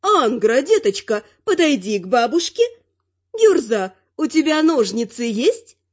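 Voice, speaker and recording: A woman voicing a spry, sharp-tongued, bossy old grandmother in a brisk, scolding way. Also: high-pitched, animated, pitched above the performer's own voice. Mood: sly. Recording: muffled lo-fi recording.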